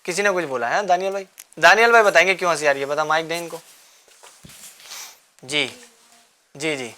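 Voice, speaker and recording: A man hosting a children's religious show, coaxing the kids with repeated questions and gentle teasing. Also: on the high side. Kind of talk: quizzing children in a studio class.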